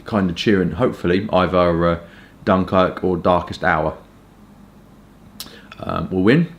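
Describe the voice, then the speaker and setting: A man from Kent with a southern English accent, chatting informally and hesitantly in a rambling casual review, with stop-start pauses. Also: sits low, lo-fi sound. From Kent, England. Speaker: pipe tobacco reviewer.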